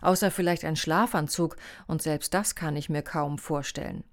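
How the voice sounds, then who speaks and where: Caring no-nonsense friend, calm and firm, as a low-voiced woman reads her. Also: normal speed. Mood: earnest. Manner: firm, soothing.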